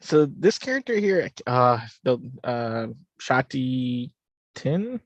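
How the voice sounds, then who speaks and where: A man's voice: mid-range voice, sing-song, takes it slowly, dry recording. A man co-hosting a casual watch-along livestream, explaining lore with plenty of fillers and restarts. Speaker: podcast co-host.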